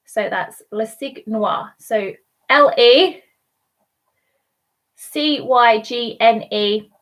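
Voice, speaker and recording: A woman hosting a live online quiz from home, chatting casually and spelling out words slowly letter by letter. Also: fairly high pitch, fairly bright tone. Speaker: quiz host. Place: at home alone.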